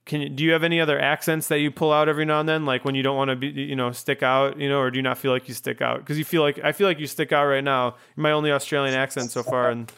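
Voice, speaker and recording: A man hosting a podcast in a relaxed interview chat. His voice is smooth and clear at a middle pitch, and he wanders through his questions with frequent ums, uhs and self-corrections. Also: very fast, few pauses. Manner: rambling, hesitant with many ums and restarts. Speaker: podcast host.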